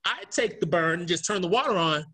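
A man's voice: high voice, expressive, fairly quick, sharp tone. A man co-hosting a casual group chat, telling a childhood story with lots of laughter. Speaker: podcast co-host.

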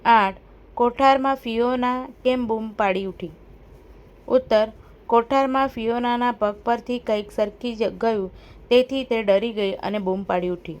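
A woman teacher reads workbook questions and answers aloud. Her voice sits a little high, and she keeps a steady, dictating pace as she lists each answer. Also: a little slow.

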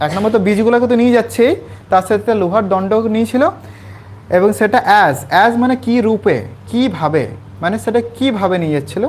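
A man's voice: high-pitched, darkish tone, a little hiss or hum. A man from West Bengal tutoring school students in English, explaining a textbook passage step by step and stopping often to check that they follow. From West Bengal, India. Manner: patient, repetitive, checks understanding with quick questions. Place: small class with students present.

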